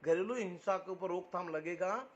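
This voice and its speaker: Over a muffled, lo-fi phone line, a man with a Rajasthani accent insistently argues his case, repeating his phrases. He is a community activist from Rajasthan, India, and his high voice is husky, moving at a normal speed.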